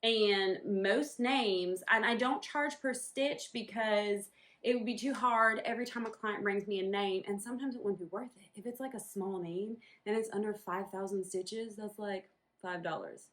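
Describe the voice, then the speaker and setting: This casual vlog features a woman from Northern New England, USA, chatting about her home-based embroidery business and rambling with lots of ums and likes. She has a mid-range, slightly bright voice at normal speed.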